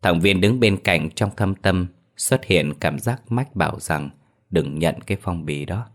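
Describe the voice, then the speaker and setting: Deep-voiced man narrating a ghost story. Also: unhurried. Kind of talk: scripted horror story narration.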